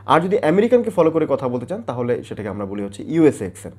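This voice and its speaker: A man's voice: mid-range voice, very animated, quick pace, a little mellow. A man from Bangladesh, an IELTS tutor, explains step by step in a video lesson, with frequent hesitant fillers.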